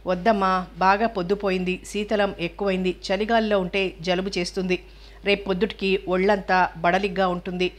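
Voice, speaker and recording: A woman voicing a gentle older maid in an audiobook, speaking slowly and softly in a hushed voice. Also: medium pitch, little pitch movement, lightly acted. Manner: soft, slow, hushed speech. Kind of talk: audiobook character reading.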